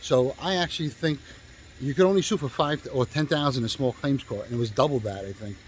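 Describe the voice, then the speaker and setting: Casting: man, real estate agent, loose rambling storyteller, salty language, lots of fillers, mid-pitched voice. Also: a little fast, slight background noise, rough recording. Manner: rambling, profane, full of fillers and restarts. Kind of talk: casual storytelling.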